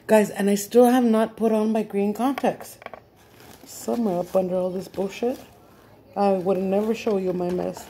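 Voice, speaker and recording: A woman's voice: mid-range voice, warm tone, a little hiss or hum. A middle-aged woman with a Mexican accent, chatting casually to her viewers at home, mixing English and Spanish with crude slang and plenty of laughter. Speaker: vlogger. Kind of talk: casual chat to camera.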